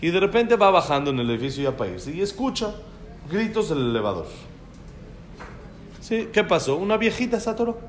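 A man telling a story to a class, animated and acting out the dialogue. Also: sits high, brisk, long pauses, slight background noise.

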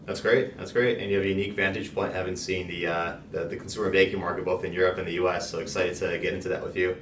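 Male podcast host, very low voice, upbeat presenter read, picked up from a distance in an echoey room. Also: level tone, fast talker, a bit bright, a little hiss or hum. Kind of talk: scripted intro, then interview questions. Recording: roomy, distant from the mic.

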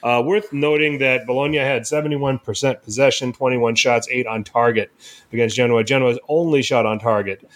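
A man's voice: mid-range voice, steady tone, moderate pace. A man hosting a casual football podcast, recapping matches with lots of fillers and restarts. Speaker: podcast host.

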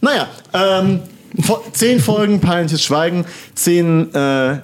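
A man co-hosting a podcast, chatting casually and halting over his words. His voice is slightly high and moves around a lot in pitch. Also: expressive. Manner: halting, full of fillers and restarts. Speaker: podcast co-host. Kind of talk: casual chat.

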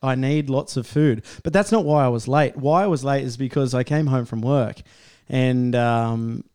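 A man's voice: mid-range voice, moderate pace, darkish tone, smooth. A young Australian man chatting casually and telling stories in a laid-back, blokey tradie way, full of matey slang. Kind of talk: casual chat and storytelling.

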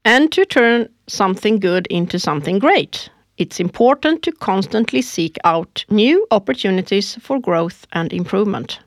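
A woman's voice: medium pitch, expressive, moderate pace, hardly any pauses, dry recording, clean studio sound. A woman co-hosting a corporate podcast who gives prepared lines with emphasis. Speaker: podcast co-host. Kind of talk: scripted corporate podcast dialogue.

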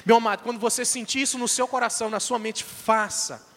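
A man's voice: extremely high pitch, fairly even intonation, brisk, a bit bright. A man with a Brazilian Portuguese accent giving an emphatic church testimony, urging the congregation directly. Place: church hall. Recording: long reverb of a large hall.

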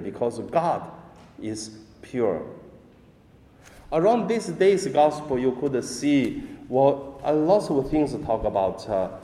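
A man preaches as a priest in a big echoing space like a cathedral. He is a non-native English speaker with a slow, halting, deliberate delivery. His tone is soft-edged and mellow, trailing long reverb. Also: medium pitch. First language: not English. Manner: halting, simple deliberate phrasing. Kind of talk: slow liturgical reading and sermon. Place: large reverberant indoor space. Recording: echoey church-like hall, long reverb.

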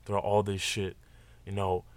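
A man, a rapper, talking casually and emphatically about his own track, swearing freely in an animated interview chat. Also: lowish voice, measured pace, no room sound.

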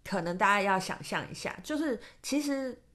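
A woman's voice: mid-range voice, expressive, normal speed, a bit bright. A woman with a Taiwanese Mandarin accent hosting a solo podcast, chatting casually and rambling with many fillers and restarts. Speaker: podcast host and tarot reader.

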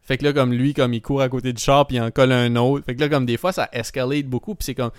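A man's voice: medium pitch, steady tone, fast talker, clear, resonant tone, no echo, clean studio sound. A man with a Québécois French accent telling a story in a casual chat, rambling with lots of fillers and dropping in English words.

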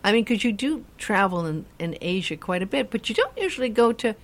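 A woman's voice: medium pitch, big pitch swings, a little fast. A woman hosting a casual talk show, chatting in a rambling way with many restarts. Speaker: host. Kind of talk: casual chat.

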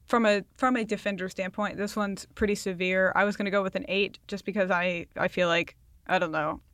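A woman co-hosting a podcast, chatting casually with quick asides and frequent laughs. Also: medium pitch, steady tone, a bit bright, no room sound. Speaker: podcast co-host.

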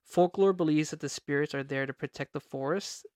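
A podcast co-host with a mid-pitched voice tells stories casually and playfully. The delivery is informal and chatty, recorded dry with no room sound. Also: a little fast, a little mellow, no room sound. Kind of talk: casual storytelling chat.

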